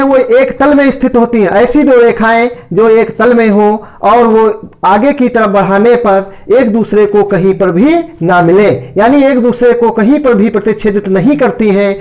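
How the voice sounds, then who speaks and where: A man's voice: very high-pitched, darkish tone. A man teaching a school maths lesson, asking his own questions and answering them step by step. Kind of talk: classroom lecture to school pupils.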